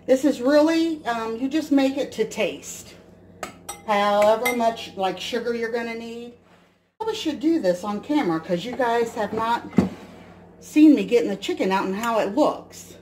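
A woman's voice: on the high side, animated, normal speed, darkish tone, a little hiss or hum. A woman in her forties casually explaining a recipe step by step while cooking in her home kitchen, recorded on the camera mic. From US Midwest. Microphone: camera mic at counter.

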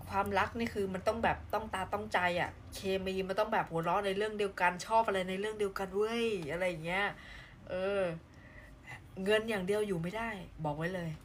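A woman's voice: mid-range voice, slight background noise. A woman from southern Thailand chatting casually on a live stream, reading out viewer comments in a playful, exclamation-filled way.

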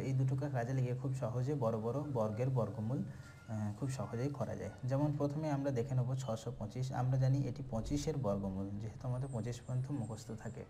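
A male tutor explains a maths shortcut, running through sums aloud in steady lists and answering questions he puts to himself. His voice is mellow and warm at a middle pitch, with a faint hum of noise behind him. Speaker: maths teacher. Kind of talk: step-by-step maths lesson.

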